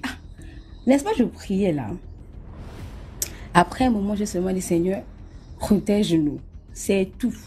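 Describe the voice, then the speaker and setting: A woman from Nigeria telling a personal story casually, lively and talking straight to the listener. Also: medium pitch. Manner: lively, acts out scenes, often addresses the listener. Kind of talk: casual spoken testimony.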